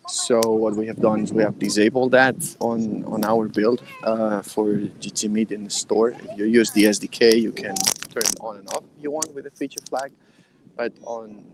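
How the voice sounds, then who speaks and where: Guy on a video call giving a team update, lowish voice, kinda hesitant, faint hiss behind. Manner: measured, with many ums and uhs. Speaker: mobile developer on the team.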